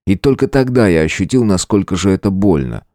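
A man narrating a first-person adventure audiobook in a steady, measured way. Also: sits low, no room sound, clean studio sound.

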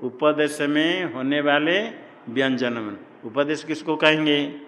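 In an ashram classroom, a man teaches Sanskrit grammar, repeating key terms and quizzing his students. His fairly high, fairly bright voice moves slowly, with long hall reverb and a little hiss or hum on the recording.

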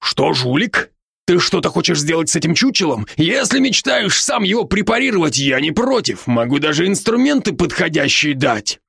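An actor playing a boisterous, teasing male werewolf friend in an audiobook, with brash rapid-fire banter. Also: fairly high pitch, big pitch swings, gravelly, a bit bright, husky, dry recording, studio quality, exaggerated voice. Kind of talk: audiobook character voice.

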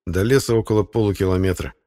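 A man narrates a first-person audiobook in a steady, matter-of-fact way. His voice sits on the low side, even and unhurried, carrying the scene plainly.

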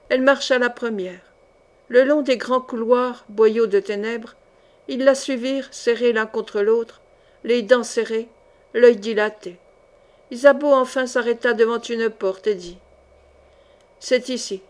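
A woman reading a novel aloud as an audiobook narrator, in a measured, dramatic storytelling manner. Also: fairly high pitch. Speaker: audiobook reader.

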